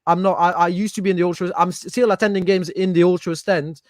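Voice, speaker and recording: A Paris-raised football fan with a French accent argues his side as a guest on a casual podcast, his high voice darkish yet steady and his pace quick. Passionate, he repeats words while searching for the right phrase. The recording is close and dry, with no echo or room sound.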